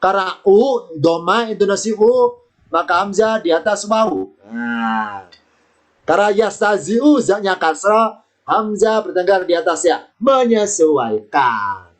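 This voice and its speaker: High-voiced, slow-paced male Quran teacher. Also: animated. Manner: patient, repeats words and asks rhetorical questions. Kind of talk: online lesson with screen sharing.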